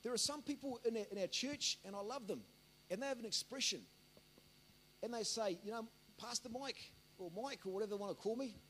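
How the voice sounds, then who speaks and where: Speaking fast in a high, slightly bright voice, this Australian pastor rambles through his sermon, repeating himself and asking the congregation for amens. There's slight background noise.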